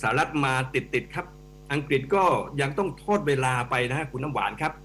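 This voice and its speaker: Animated Thai man explaining on radio. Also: fairly high pitch, fairly quick. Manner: animated, emphatic explainer who addresses hosts directly. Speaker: economics professor guest. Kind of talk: radio talk show commentary. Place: radio studio. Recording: radio studio with faint mains hum.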